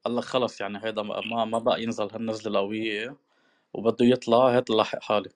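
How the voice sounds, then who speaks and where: A man's voice: fairly low pitch, little pitch movement, rapid-fire. A man with a Levantine Arabic accent talking casually about markets with another person.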